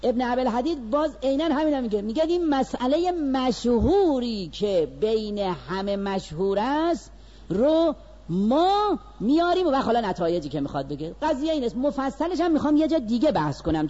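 A man preaching in a storytelling lecture, his voice sitting high and leaping up and down as he narrates. He lingers on slow, weighted phrases and then rushes through asides. The sound is dull and lo-fi. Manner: animated, swings between slow stressed phrases and quick asides. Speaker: religious lecturer.

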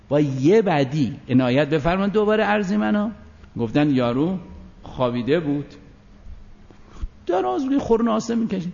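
Man preaching, lively swooping pitch, rhetorical questions, long hall reverb, muffled sound. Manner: animated, rhetorical questions, swings between loud and soft. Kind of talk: Quranic exegesis lecture.

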